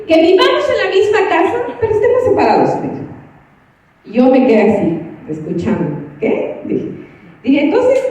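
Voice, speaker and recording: Woman minister, high animated voice, storytelling sermon; far off-mic in a very echoey hall. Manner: lively storytelling, acting out both sides of conversations. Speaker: church minister giving counsel. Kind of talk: sermon with a personal testimony. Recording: echoey, distant, dull church recording.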